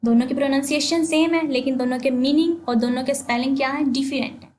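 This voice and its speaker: A woman teacher giving a class lesson, explaining slowly, asking the class questions and spelling words letter by letter. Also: high-pitched, steady tone, a little mellow.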